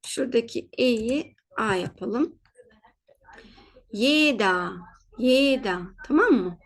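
A woman with a voice on the high side gives a patient spoken lesson in German pronunciation. She repeats each word slowly, checks in often, and fixes her own slips along the way.

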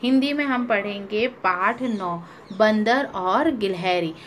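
A woman's voice: medium pitch, takes it slowly, fairly bright tone, slight background noise. A woman teaching young children, reading a story aloud and repeating questions for her pupils. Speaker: primary school teacher.

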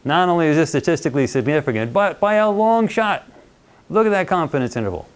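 A man's voice: a little high, lively intonation, fast talker. A man giving a university lecture in a conversational, playful way, often checking in with his students. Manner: playful, acts out little quoted voices. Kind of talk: classroom statistics lecture.

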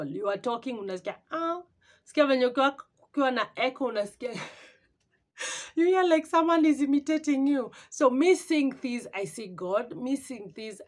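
This vlogger is a woman in her twenties with a Kenyan accent, talking in a mid-range, fairly bright voice from a small room at home. She chats casually and animatedly, dropping in Swahili and groping for the right words.

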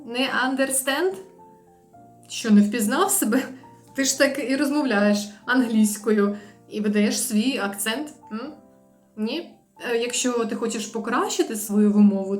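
A woman with a somewhat high voice gives a pronunciation lesson. She drills each sound slowly and with care. The room is roomy and echoey, with faint music behind her. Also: darkish tone. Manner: slow, careful drilling of sounds. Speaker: English teacher.

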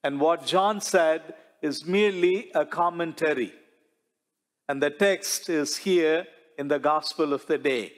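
Speaking from a large sanctuary through a lapel mic, a middle-aged male priest gives a slow, measured sermon full of rhetorical questions and gestures. His pitch runs a little high for a man, and a long church echo lingers after every line.

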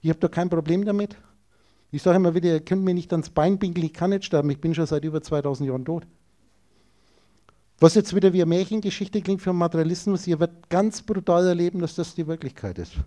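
Man lecturing an audience, highish mellow voice, pushy rhetorical questions. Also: quick pace. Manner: emphatic, rhetorical, addresses listeners directly.

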